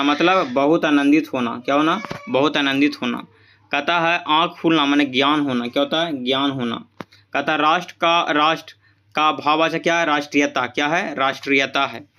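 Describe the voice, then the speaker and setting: A man's voice: a little high, pushed and bright, dull audio. Man walking through exam answers. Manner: repeats each answer as a question and reply; mixes English terms into his explanations. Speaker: exam tutor.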